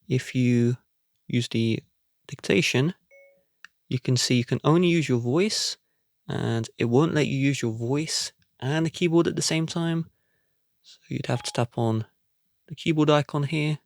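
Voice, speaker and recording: A man's voice: mid-range voice, creaky, dry recording. A man narrating an instructional tech tutorial step by step in a plain, instructive way, recorded as a voice-over close to the mic.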